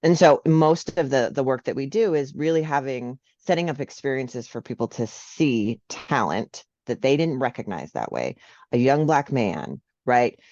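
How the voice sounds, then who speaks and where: A woman's voice: extremely low pitch, moderate pace, dry recording, highs cut off. A woman, a social worker, talking in a casual interview and often checking in with "right?". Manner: animated, frequent "right?" tags.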